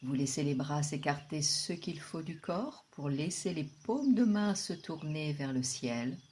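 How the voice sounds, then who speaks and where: Guiding listeners through yoga nidra, a woman leads deep relaxation in an unhurried, soothing voice. Her calm delivery includes long stretches of silence.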